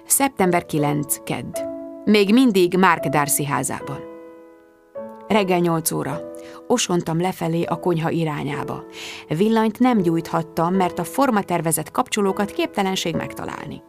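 A woman's voice: lowish voice, vocal fry, music in the background. A woman reading a first-person audiobook in a confiding, wry manner. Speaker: audiobook narrator. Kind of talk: scripted audiobook narration.

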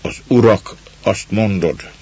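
A man voicing a gruff, dark-faced, mustached peasant who speaks hoarsely and awkwardly. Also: lowish voice, dull audio. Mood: uneasy. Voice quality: hoarse, grumbling. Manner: awkward, halting, mumbled.

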